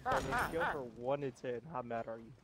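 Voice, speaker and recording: A man's voice: medium pitch, sing-song, fairly quick. A man in a gaming voice chat, needling and mocking a teammate. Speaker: gamer in voice chat. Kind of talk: teasing gaming party chat. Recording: loud background noise.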